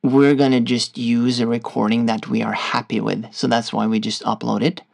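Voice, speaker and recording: A man with a Norwegian accent, casually walking viewers through a software tutorial in a loose, stop-start way. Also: medium pitch, little pitch movement, normal speed, vocal fry. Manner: loose, stop-start explaining while clicking through screens. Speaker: tutorial host.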